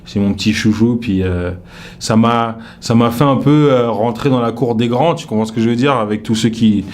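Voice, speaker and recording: A young French comedian, guesting in an interview, chats in a relaxed, rambling way full of fillers. His voice is medium-pitched at a normal speed, and his Paris-suburbs accent carries a slight Québec tinge.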